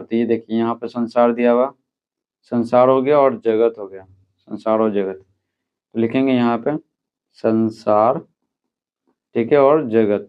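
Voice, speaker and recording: A man's voice: medium pitch, clear, resonant tone. A man teaching a school lesson, explaining step by step and checking in with his students often. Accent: Hindi. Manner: repeats "theek hai" often, explains step by step. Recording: tinny phone-like sound.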